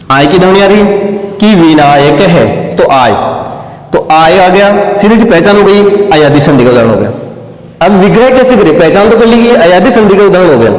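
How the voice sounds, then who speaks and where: A man teaching a classroom grammar lesson, repeating each point and asking questions that he answers himself. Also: sits high. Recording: echoey room with long reverb.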